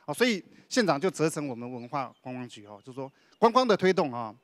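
A man's voice: a little high, very animated, quick pace, no echo. A man with a slightly raised voice answers as a county official on a panel. He explains patiently, sprinkling particles through his sentences. The sound is dry. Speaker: deputy director of a county culture and tourism bureau.

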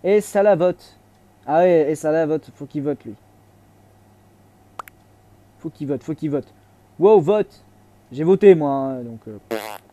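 A young man giving casual let's-play commentary, chatty, restarting his sentences, with excitable bursts. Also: a little high, takes it slowly, long pauses. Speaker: gaming YouTuber.

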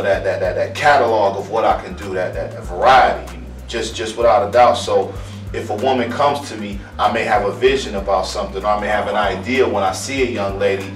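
Low-ish calm guy from ohio, barber talking about his goals, heard from across an echoey room with faint music. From Akron, Ohio. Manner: thoughtful, repeats words while searching, calm and earnest. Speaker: barber interviewee. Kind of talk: casual interview. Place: small room indoors. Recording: roomy, distant mic, faint music.

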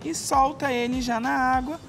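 Chatty man demoing a recipe, high voice. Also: steady tone, moderate pace, a bit bright, soft background music. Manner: instructive, chatty. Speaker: guest chef. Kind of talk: cooking demonstration. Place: TV studio kitchen.

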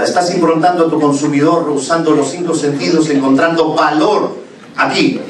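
A man giving a lively conference talk, acting out stories and firing questions at the audience. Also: a little high. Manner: animated, questions the audience, acts out scenes. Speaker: conference speaker. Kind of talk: lecture with acted-out stories. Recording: echoey hall from far off, noisy.

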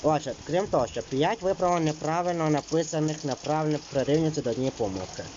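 A man's voice: fairly high pitch, fast talker, muffled recording, a little hiss or hum. Man explaining exam rules, filler-heavy. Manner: reads rules then explains loosely with many fillers. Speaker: teacher. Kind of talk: exam-prep lesson.

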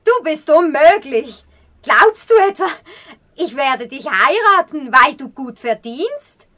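Woman playing a blind woman painter, proud, scornful retorts, high voice, unhurried, acted short-film dialogue. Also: big pitch swings, bright, forceful tone, full character voice.

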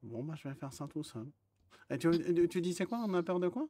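A man's voice: fairly high pitch, expressive, fairly quick, mellow, no room sound. A man in character as a naive, childlike gang member, stammering often in casual roleplay chat over a headset.

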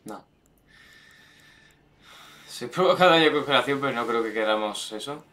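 A young man with a Spanish accent from Spain, commenting on his gameplay, excitable, shouting and swearing at the game. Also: medium pitch, moderate pace. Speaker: gameplay streamer.

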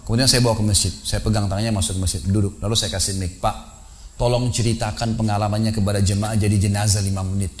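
A man preaching a sermon in a mosque, telling a story with quick, emphatic delivery. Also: fairly low pitch, fairly even intonation.

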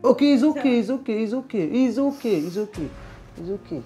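A man's voice: very high-pitched, expressive, fairly quick, dark tone, faint music behind. A man with a Nigerian accent playing a broke, overly emotional boyfriend in a comedy skit, stammering and wailing. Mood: flustered.

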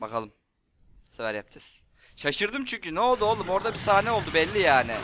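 A man's voice: high-pitched, very animated, quick pace, very noisy. A young man doing let's play commentary, frustrated, swearing and taunting. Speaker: gameplay commentator.

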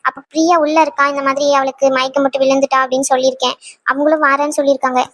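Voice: high voice, level tone, rapid-fire, fairly bright tone. A performer voicing an anxious young wife in a cartoon who fires off worried questions. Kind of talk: cartoon voice acting.

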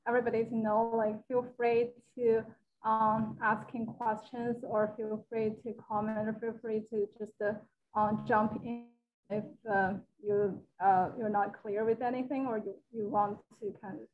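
A woman's voice: on the high side, narrow, tinny audio. A young woman from China giving a casual talk on a video call, hesitant, with many fillers and restarts. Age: young adult. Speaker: guest speaker. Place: living room with a large wall mural. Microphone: video call, laptop camera.

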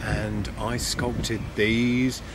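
A man's voice: on the low side, level tone, very slow. Chatty English man vlogging. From England. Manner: chatty, enthusiastic, cheeky. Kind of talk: casual vlog to camera. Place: inside a car while driving. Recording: road noise in moving car.

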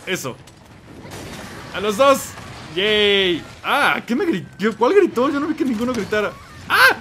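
Excitable young Mexican gamer with a Mexican Spanish accent, bright and sharp, yelping through a let's play. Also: male voice, high voice, a little hiss or hum. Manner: excitable, yelps and curses at the game.

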